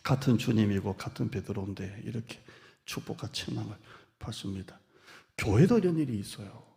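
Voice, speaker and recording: A man pastor preaching a sermon in a lively, playful way, acting out quoted speech and teasing the congregation. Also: fairly low pitch, brisk, gravelly. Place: church sanctuary. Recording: long hall reverb.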